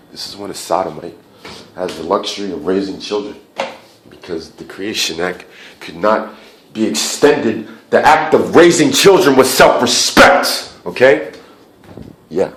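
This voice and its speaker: A man giving a rambling, profane monologue that swings from low muttering to loud shouting, often repeating himself and restarting. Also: slight background noise. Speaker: vlogger.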